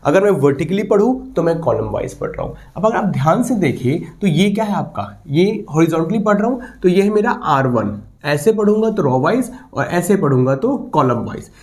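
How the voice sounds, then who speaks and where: A man's voice: fairly high pitch, normal speed, hardly any pauses. A man teaching a maths lesson to students, talking them through each step and often checking with them. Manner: animated, repeats "ठीक है" and asks students questions. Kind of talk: online maths lesson in Hindi mixed with English.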